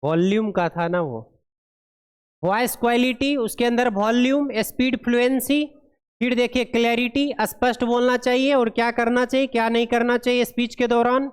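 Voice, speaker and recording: A woman teaching pharmacy students in a classroom, speaking in a smooth, fairly high voice. She reads each point slowly and then explains it, checking often that the class follows. Her voice rings with a long reverb off the room. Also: steady tone. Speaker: pharmacy lecturer. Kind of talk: classroom lecture.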